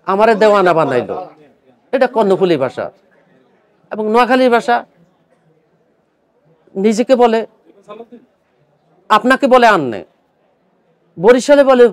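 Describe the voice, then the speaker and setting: High-voiced older poet, earnest. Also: male voice. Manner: earnest, pleading; mixes English words into speech. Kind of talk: speaking to camera at a book fair; poetry recitation.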